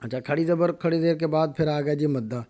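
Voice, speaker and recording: A man teaching Quran reading to beginners, spelling out each syllable slowly before explaining the rules. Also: fairly high pitch, warm tone. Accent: Pakistani Urdu. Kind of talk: slow spelled-out reading drill.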